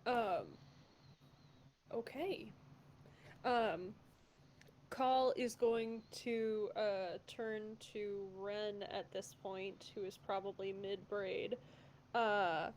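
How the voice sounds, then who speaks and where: Slow, halting woman player. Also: mid-range voice, steady tone, a little mellow, a little hiss or hum. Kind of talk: casual chat during a tabletop game.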